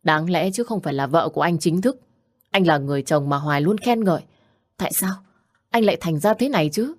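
A steady young wife who keeps her head and speaks firmly, read by a woman narrator. Her voice sits low and sounds dry and close. It is an audiobook character. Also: brisk, no room sound. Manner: soothing, firm. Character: calm, loyal young wife.

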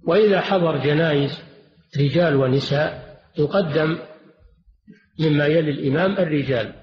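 An older man and religious scholar giving a measured classroom lecture, repeating and rephrasing each point. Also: on the high side. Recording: dull, roomy lo-fi lecture recording.

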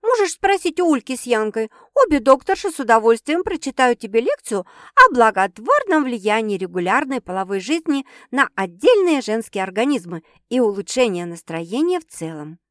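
A woman's voice: a little high, very animated, moderate pace, hardly any pauses, a bit bright, dry recording, clean studio sound. Woman voicing a sarcastic, bossy sister. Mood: teasing. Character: teasing, outspoken young woman, the sister. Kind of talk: audiobook character voice.

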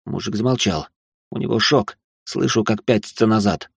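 A man's voice: lowish voice, normal speed, vocal fry, husky, no room sound. A man narrating a fantasy story in the first person, with wry sarcastic asides.

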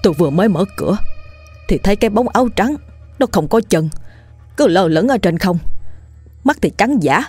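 A woman's voice: medium pitch, big pitch swings, normal speed, long pauses, a little mellow, slightly rough, dry recording, soft background music. A woman voicing a frightened middle-aged village man who speaks in a trembling, panicked way. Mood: terrified.

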